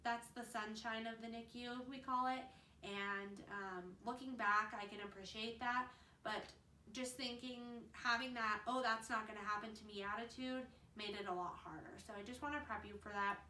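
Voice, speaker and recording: A young woman, a mother of twins, talking fast and earnestly to camera in a casual advice vlog. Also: fairly high pitch, fairly even intonation, pushed and bright, slight background noise. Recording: roomy, slightly distant mic.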